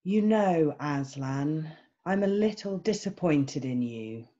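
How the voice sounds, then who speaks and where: A woman's voice: sits low, lively intonation, takes it slowly, warm tone, lo-fi sound. A woman playing a cruel, imperious witch who gloats and savours each phrase in a screenplay read-through. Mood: gloating, contemptuous.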